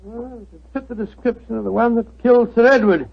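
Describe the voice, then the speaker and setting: An actor playing a genial, bumbling older English gentleman doctor with a gravelly, husky, blustery voice, in 1940s radio style. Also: extremely high pitch, fairly even intonation, brisk, full character voice. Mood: musing. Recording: dull 1940s radio recording.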